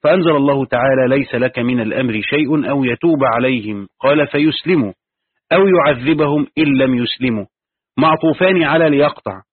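A fast-talking man with a medium-pitched, slightly rough voice teaches Quran commentary by reading from a tafsir and then explaining it himself. The recording has no echo and a tinny, phone-like lo-fi quality.

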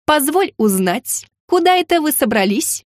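A woman voicing a haughty, hysterical noble mother who scolds in a shrill voice. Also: expressive, moderate pace, a little mellow, no echo, studio quality. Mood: indignant.

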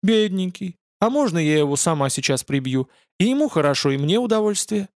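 A man reading an audiobook, voicing a flippant young female demon who talks quick and pleading. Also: a little high, sing-song, dry recording, clean studio sound. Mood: playful.

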